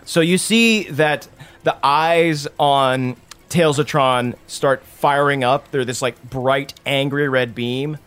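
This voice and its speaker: A man's voice: medium pitch, takes it slowly, fairly bright tone, clear, resonant tone. A man narrating a tabletop game as the game master.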